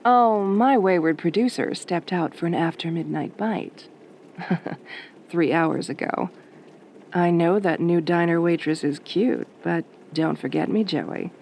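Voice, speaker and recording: A woman plays a sultry, teasing late-night radio DJ in a soft-spoken roleplay, drawling in a flirty, wry way with a velvety voice. She speaks slowly at a fairly low pitch with some creak, and there's a little hiss or hum.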